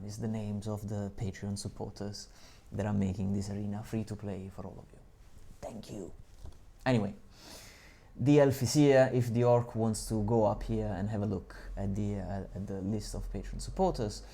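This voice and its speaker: Low-voiced guy walking through tabletop dice rules, calm and step by step, mellow tone. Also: normal speed, vocal fry. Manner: patient, step-by-step explaining with small asides. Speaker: tabletop game tutorial presenter. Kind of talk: explaining game rules.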